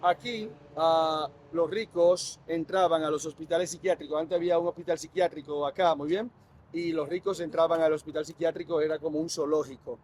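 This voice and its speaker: Lively Dominican tour guide, outdoors. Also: male voice, fairly high pitch, fairly quick, a little hiss or hum. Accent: Dominican Spanish. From Dominican Republic. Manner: lively, quizzes the group with questions. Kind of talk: guided walking tour talk. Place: outdoors in a city.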